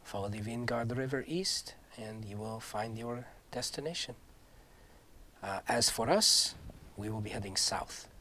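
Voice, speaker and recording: A man voicing a solemn, courteous knight in a tabletop game, speaking formally and gravely in measured phrases. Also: medium pitch, sharp tone, slight background noise. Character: solemn, courteous male knight bidding allies farewell. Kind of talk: tabletop game character acting.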